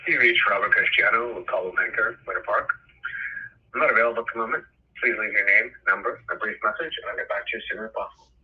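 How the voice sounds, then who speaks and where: A man's recorded answering machine greeting, a real estate agent speaking in a brisk, businesslike way, played back over a phone line. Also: lowish voice, fairly even intonation, breathy edge. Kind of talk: voicemail greeting. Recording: tinny phone line playback.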